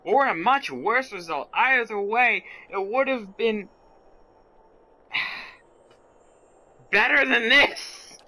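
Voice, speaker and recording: A man's voice: sits high, animated, extremely slow, long pauses, bright, forceful tone, low-quality recording. A man doing casual let's play commentary, thinking aloud, reactive and sweary, talking to the game's characters.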